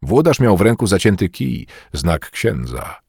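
A man narrates a historical novel in a low, husky voice. His pitch swings widely as he reads dramatically and voices the shouts of the characters. The recording is dry and close. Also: very animated, measured pace, dry recording. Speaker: audiobook narrator.

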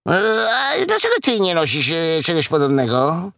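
A man voicing a small excitable young piglet in a storybook reading, high and stammering. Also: normal speed, vocal fry, no room sound, studio quality, heavily acted. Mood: curious.

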